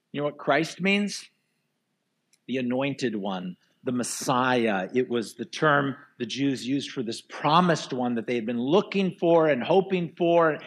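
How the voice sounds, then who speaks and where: A man giving a sermon as pastor, earnest and asking the congregation rhetorical questions. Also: medium pitch. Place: church before a live congregation.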